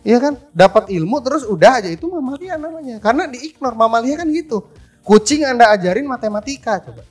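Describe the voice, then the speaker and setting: High-voiced man coaching a seminar audience. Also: expressive, fast talker, husky, soft background music. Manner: coaching, quizzing the audience, joking. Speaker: persuasion trainer. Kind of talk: live seminar lecture.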